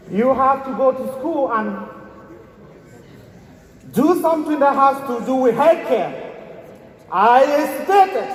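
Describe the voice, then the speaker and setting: Man raised in Germany, high-pitched and emphatic, motivational speaker working a large hall. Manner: emphatic, repeats rhetorical questions. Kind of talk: energetic motivational speech. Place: large event hall stage. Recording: echoey event hall, audience noise.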